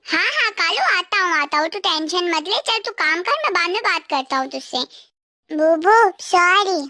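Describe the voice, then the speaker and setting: A woman's voice: very high voice, lively intonation, normal speed, pushed and bright, no echo, heavily acted. A woman voicing a young husband in a comedic dub, coaxing and repeating apologies. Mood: soothing.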